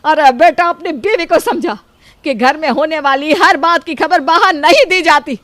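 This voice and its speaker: A woman voicing a sharp-tongued middle-aged mother-in-law who scolds sarcastically. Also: high voice, normal speed, no room sound. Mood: angry.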